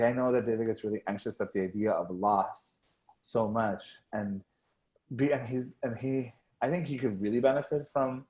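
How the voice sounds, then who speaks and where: A man's voice: on the low side, darkish tone. A young man co-hosting a casual podcast, rambling with constant fillers and swearing. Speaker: podcast co-host.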